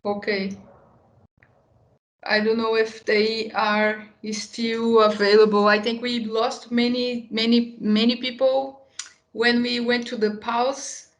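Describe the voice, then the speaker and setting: A woman's voice: on the high side, level tone, takes it slowly, rough recording. A woman with a Brazilian accent informally moderating a live event and interpreting.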